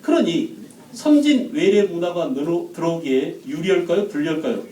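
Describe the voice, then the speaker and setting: A man lectures on history to a live class, often stopping to question the room. His voice sits high yet mellow. He is picked up from some distance away, and the room rings with echo. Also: lively intonation, normal speed. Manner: questions the class and acts out quotes. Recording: echoey room, mic at a distance.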